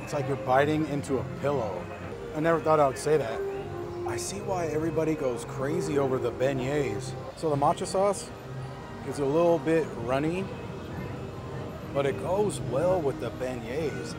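A man's voice: on the high side, normal speed. A man giving a casual vlog food review, savoring each item with enthusiasm as he rates it. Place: outdoors at a busy theme park. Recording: music and park noise behind. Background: music, outdoor park and vehicle sounds.

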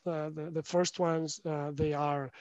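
A man's voice: a little high, flat delivery, a little slow, a little mellow, no room sound. A young man hosting a video call interview, asking questions hesitantly with many fillers. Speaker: podcast host. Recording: dull dry call audio.

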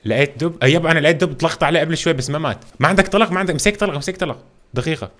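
A man giving live commentary while he plays a survival role-play game, excitable and full of exclamations, with English gaming slang dropped in. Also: a little high, rapid-fire. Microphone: home gaming mic that a friend says sounds off.

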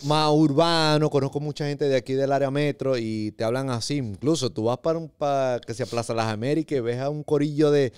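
A man's voice: medium pitch, steady tone, a little fast, hardly any pauses, darkish tone, smooth, no echo. A man, a podcast guest chatting casually and jokingly, often slipping into imitations of street slang. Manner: playful, jokey, slips into imitations of street slang. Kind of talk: casual chat.

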